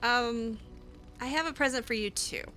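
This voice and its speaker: A woman streaming a fantasy game plays her character in improvised, casual speech that comes across as hesitant and sassy. Her pitch is fairly high and her tone bright and forceful, at normal speed, over soft background music.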